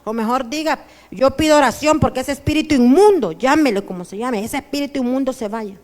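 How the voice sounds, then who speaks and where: A woman pastor with a Honduran Spanish accent, preaching a sermon that swings between soft asides and loud declarations. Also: high voice, a little fast. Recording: church hall with long reverb.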